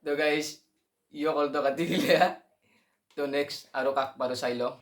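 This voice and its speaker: Hosting a prank call video, a man with an Assamese accent talks casually and directly to his viewers in vlog-style commentary. His voice is a bit high with little pitch movement, and he speaks briskly.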